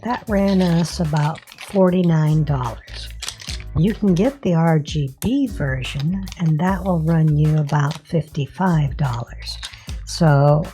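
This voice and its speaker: Woman reviewer, voice-modulator filter, low and unhurried, halting filler-heavy delivery. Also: dark tone, soft background music. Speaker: product reviewer. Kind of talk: casual product review.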